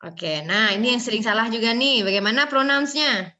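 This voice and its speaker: A woman's voice: a little high, brisk, pushed and bright, a little hiss or hum. A woman lecturing on English phonology in a casual online class, chatty and joking with students, mixing in English terms.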